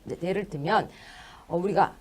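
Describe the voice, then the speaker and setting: A middle-aged woman hosting a political talk show, talking in an animated way with quick asides and frequent laughter. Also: lowish voice, breathy edge. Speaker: host.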